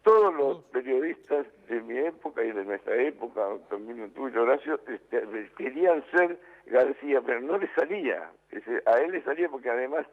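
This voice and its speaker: A man's voice: mid-range voice, animated, normal speed, hardly any pauses. A man with an Argentine accent, a journalist guest calling in by landline phone and speaking emphatically, repeating his points. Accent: Argentine Spanish. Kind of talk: phone interview. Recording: muffled phone line with music.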